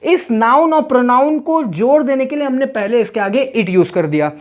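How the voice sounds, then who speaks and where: A woman teaching an online English grammar lesson, explaining patiently and repeating herself, and slowing right down whenever she reads out an example sentence. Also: sits high, lively intonation.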